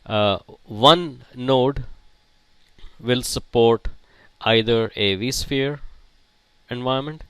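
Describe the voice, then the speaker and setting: A man teaching a technical lesson, speaking haltingly with frequent fillers and restarts. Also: mid-range voice, fairly bright tone, smooth, dry recording. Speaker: IT instructor. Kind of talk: technical lecture.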